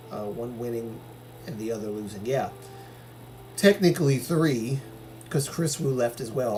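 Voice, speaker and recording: Here a man from Algeria hosts a livestream, casually reading comments from viewers and offering his take, with many fillers and false starts. His medium-pitched voice is a little mellow, and there's slight noise behind him.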